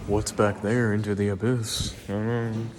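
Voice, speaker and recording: A man's voice: fairly low pitch, level tone, normal speed. A man vlogging on a cave tour, making casual, joking asides to his camera. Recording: noisy cave camera audio.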